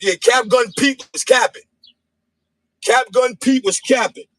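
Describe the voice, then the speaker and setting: A man in a casual livestream chat, taunting in an animated, sing-song way. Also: extremely high pitch, measured pace, dry recording. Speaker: podcast guest. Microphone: phone livestream.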